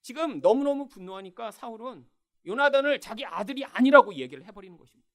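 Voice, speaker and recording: Brief: male church pastor, emphatic sermon delivery, full of rhetorical questions, lively pitch. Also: fast. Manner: emphatic, keeps addressing the congregation with rhetorical questions.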